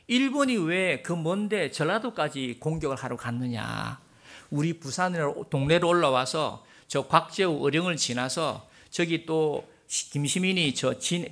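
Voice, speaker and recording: Gravelly pastor guy preaching, really lively up and down, whispers then punches it. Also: mid-range voice. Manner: swings between hushed near-whispers and emphatic bursts. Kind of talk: sermon.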